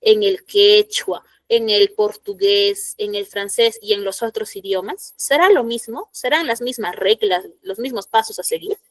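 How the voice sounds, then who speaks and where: A woman's voice: mid-range voice, unhurried, hardly any pauses, no room sound. A woman teacher, explaining grammar rules and asking her students questions. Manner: explanatory, asks the class questions. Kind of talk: classroom lesson to students.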